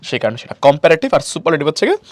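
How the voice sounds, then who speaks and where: A man leads a recorded prep lecture in a voice that sits slightly high for a man. He walks through each point patiently, poses questions and answers them, and repeats his stock filler phrases. The sound is dry and close, with no room echo. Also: sing-song, rapid-fire. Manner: explanatory, asks and answers his own questions; leans on stock fillers and repetition. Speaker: teacher. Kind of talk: online admission-prep lecture.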